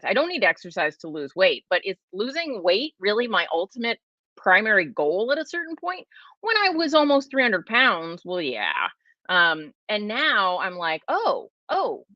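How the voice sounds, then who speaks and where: Fairly high in pitch, this host in her forties runs a casual livestream Q&A on lo-fi audio with no room sound. She talks in a chatty, emphatic way, restarting sentences and leaning on fillers.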